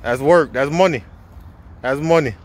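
A man's voice: fairly high pitch, a little slow. A man hosting a casual outdoor street interview, with hyped, slangy banter. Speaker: vlogger host. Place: outdoors in a park.

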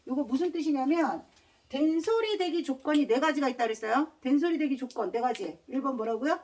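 A high-pitched woman teacher lectures with a lively, swooping voice, firing quick repeated questions at her class and dropping casual slang between points. She sounds a little distant from the microphone. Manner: drills students with repeated questions. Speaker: Korean language teacher.

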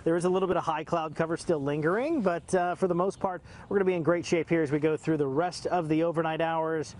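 Male TV meteorologist, thirties, slightly high voice, conversational live forecast delivery. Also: steady tone, fast talker, a little mellow. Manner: conversational, fluent broadcast delivery. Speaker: television meteorologist. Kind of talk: live weather forecast presenting. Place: outdoors in a city park.

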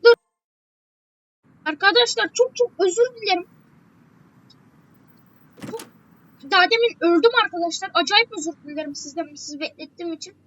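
A woman's voice: extremely high pitch, a little fast, pauses often, a bit bright, highs cut off, a little hiss or hum. A woman giving a chatty game walkthrough, repeating her warnings again and again. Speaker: gameplay walkthrough host. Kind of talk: casual game tutorial commentary.

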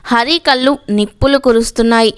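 A woman narrating an emotional love story in a steady, dramatic reading. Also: on the high side, fairly quick, clean tone.

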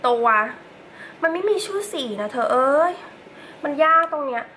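Bright-voiced chatty woman doing makeup. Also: sits high, expressive, moderate pace, a little hiss or hum, low-quality recording. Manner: chatty, playful asides to viewers. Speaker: beauty vlogger. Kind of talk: casual makeup tutorial chat.

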